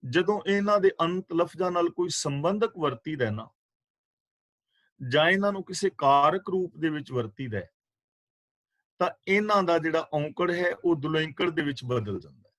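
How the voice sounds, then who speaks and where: A man giving a scripture exposition class on a video call, explaining patiently and repeating key words in a measured way. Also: a little high, expressive, a bit bright, no echo. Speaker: Sikh scripture teacher. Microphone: video call microphone.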